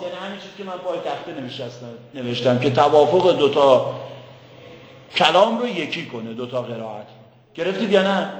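A male teacher giving a lecture on Quran commentary in a classroom. He keeps asking the class questions and recites words slowly. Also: high-pitched, roomy sound, long reverb tail, rough recording. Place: classroom with a board.

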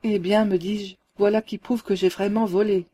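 A woman reading a ghost story aloud as a calm, measured narrator. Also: mid-range voice, breathy edge. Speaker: audiobook reader. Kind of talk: scripted narration.

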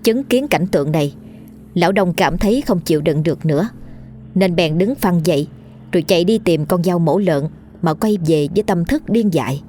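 A woman narrating a horror story in a steady storytelling manner. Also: fairly low pitch, normal speed, a little hiss or hum.

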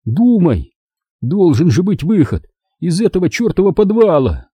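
A man voicing a panicky boy who pleads and shouts excitedly. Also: high voice, measured pace, slightly rough, dry recording, pitched above the performer's own voice, exaggerated voice. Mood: desperate pleading.

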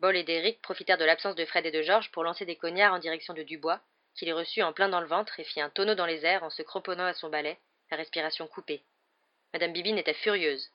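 A woman narrating a novel as an audiobook, reading in a lively storytelling manner. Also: lowish voice, fast talker, lo-fi sound.

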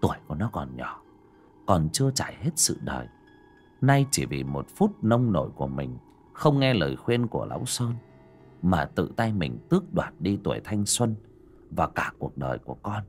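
Low expressive male narrator. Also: normal speed, slightly rough. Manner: expressive, swinging between loud and hushed. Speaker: audiobook narrator. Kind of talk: dramatic story narration.

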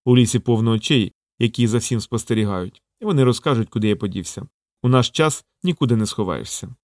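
A man's voice: medium pitch, fast talker, no room sound, close to an everyday voice. A man voicing an earnest, worried young man in an audiobook, in a plain, natural voice.

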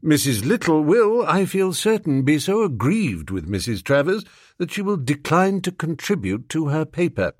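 A man doing a low, unruffled valet. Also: big pitch swings, no echo, studio quality. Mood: measured. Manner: low, measured, formal and unruffled. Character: imperturbable, deferential manservant.

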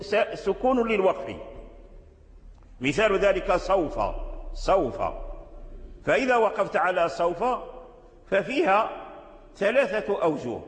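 A man teaching Quran recitation rules, explaining them slowly and deliberately and repeating key phrases. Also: high-pitched. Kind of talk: tajweed lesson explaining a didactic poem. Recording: echoey hall with long reverb.

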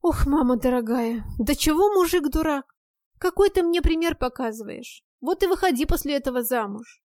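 A woman's voice: sits high, animated, fairly quick, darkish tone, no room sound, clean studio sound. A woman reading an audiobook, voicing a blunt, sarcastic female friend who grumbles and mocks. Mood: indignant.

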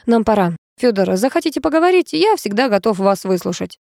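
Woman voicing a calm, polite husband, measured, mellow, dry sound. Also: on the high side, gravelly, no echo.

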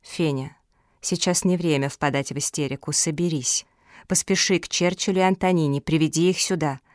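A stern, sensible eldest dog sister, as a woman narrator puts her on. She speaks low and measured, giving orders calmly. The sound is close and dry. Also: dry recording, lightly acted.

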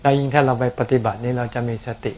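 A man, a Buddhist monk, answering questions about practice in a calm, explanatory way, often repeating words. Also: medium pitch, rapid-fire, slight background noise. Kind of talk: casual dharma Q&A. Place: outdoors on a mountain.

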